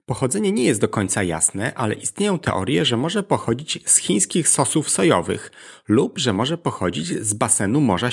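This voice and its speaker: A man hosts and narrates a scripted educational podcast, addressing the listener directly. His voice is mid-pitched, husky, and fairly creaky.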